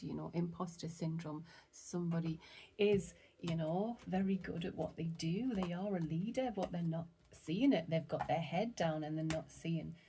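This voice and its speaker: A woman giving a casual tarot reading, chatty and excitable, often dropping into soft whispers. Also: on the low side. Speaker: tarot reader.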